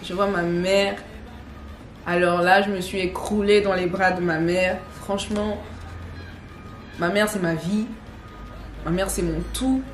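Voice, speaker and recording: A young woman tells her viewers a story, lively and chatty. She loops back on her own phrases and adds slangy asides. The room around her is echoey, and faint household noise runs underneath. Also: lowish voice, measured pace, pauses often. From Gabon. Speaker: online content creator. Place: home with children playing nearby.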